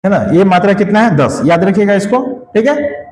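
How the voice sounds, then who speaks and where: A man's voice: high-pitched, lively intonation, fairly quick, darkish tone, echoey room, poor audio. A male teacher giving a grammar lesson to students, asking questions and answering them himself, with frequent checks such as "right?".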